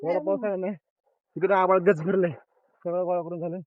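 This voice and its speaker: A young man, vlogging casually outdoors on a farm, talking excitedly to his viewers as brothers. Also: sits high, brisk, no echo, narrow, tinny audio.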